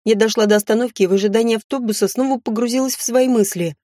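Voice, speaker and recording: A woman reading a first-person audiobook with acted dialogue, in an expressive, dramatic way. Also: a little high, fast, dry recording, clean studio sound. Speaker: audiobook narrator.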